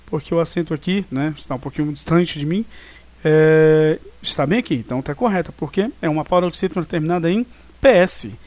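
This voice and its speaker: In a dry recording of an online review class, a Brazilian Portuguese–accented man talks fairly quickly in a highish, darkish voice. His style is explanatory, and he checks in with students often, peppering his speech with "né?" and "tá?"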